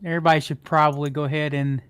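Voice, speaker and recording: A man's voice: fairly high pitch, level tone, rapid-fire, fairly bright tone, clean tone. A man working as game master, narrating a tabletop game in a casual, amused, improvised way.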